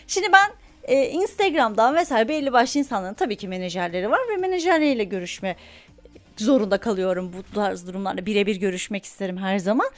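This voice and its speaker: A woman hosting a podcast, telling a casual story in an animated way, laughing often and swearing freely. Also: mid-range voice, fast talker, no room sound. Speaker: podcast host.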